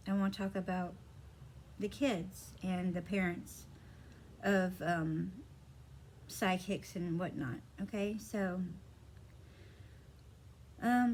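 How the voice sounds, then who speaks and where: A woman's voice: medium pitch, darkish tone, a little hiss or hum, low-quality recording. Rambling woman telling a personal story. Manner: rambling, many fillers, acts out quoted dialogue. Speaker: vlogger. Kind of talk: casual personal storytelling to camera.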